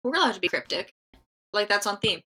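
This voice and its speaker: A woman's voice: medium pitch, animated, bright, forceful tone. A woman co-hosting a podcast, chatting casually and jokily, with lots of "like" and self-interruptions. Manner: rambling, heavy use of "like", quick jokes. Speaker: podcast co-host. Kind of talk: casual chat.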